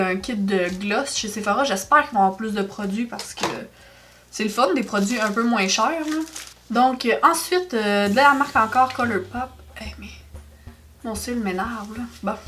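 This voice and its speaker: A young woman with a Québécois French accent, chatting excitedly through a makeup haul in a casual vlog. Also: on the high side. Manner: chatty, excitable, exclaims over products. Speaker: beauty vlogger.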